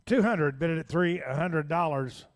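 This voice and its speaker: Man, auctioneer, slightly high voice, rapid repetitive bid-calling chant, folksy.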